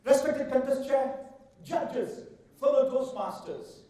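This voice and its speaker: A middle-aged man from India with an Indian accent delivers a rehearsed humorous contest speech in a theatrical, deliberate way, drawing out words for emphasis. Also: very high voice, warm tone. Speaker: contest speaker. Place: large indoor event hall. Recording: echoey hall, far from the mic.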